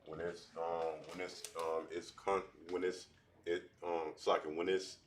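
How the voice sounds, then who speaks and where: Deep-voiced man teaching at a board. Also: level tone, slight background noise. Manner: halting, many restarts and fillers. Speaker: language teacher. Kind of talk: classroom lesson at a board. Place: classroom.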